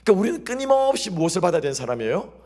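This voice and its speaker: A male pastor, preaching a sermon that keeps asking the congregation questions and drops into soft, quiet asides. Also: high voice, big pitch swings, very fast. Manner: call-and-response questioning of the congregation. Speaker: senior pastor.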